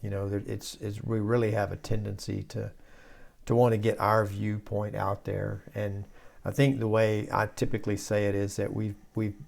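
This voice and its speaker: A soft-voiced man talking casually and haltingly as the host of a church discussion, like a pastor. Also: on the low side, little pitch movement, creaky.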